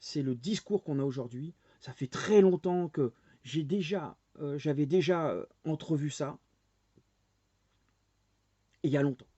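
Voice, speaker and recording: A male vlogger in his forties angrily rants to camera, pounding viewers with rhetorical questions. His voice is on the high side, warm and slightly rough, and he speaks a little slowly with long pauses. The dull lo-fi recording is dry with no echo.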